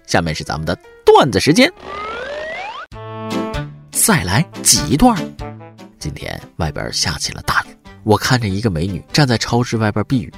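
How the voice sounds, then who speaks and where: Male podcast host with comedic news commentary, pitch swinging wildly, wry and teasing, faint music behind.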